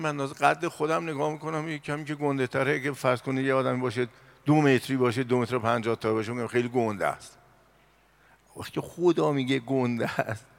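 Gravelly-voiced man preaching a sermon. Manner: swings from loud exhortation to low murmuring.

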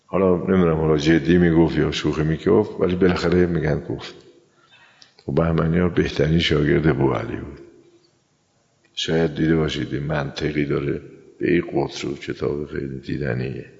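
A man's voice: very deep voice, steady tone, creaky, a little mellow. An older man from Iran preaching a colloquial sermon, telling stories in a folksy way and acting out the voices of the people in them. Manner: folksy storyteller who acts out the voices in his tales. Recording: dull lo-fi sound with long hall reverb.

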